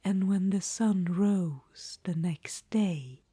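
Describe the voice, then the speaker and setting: Calling the listener darling, a woman whispers in a breathy, languid, conspiratorial way as she plays an ancient, vain undead witch-queen in audio roleplay. Her voice is medium in pitch and warm, delivered slowly without echo.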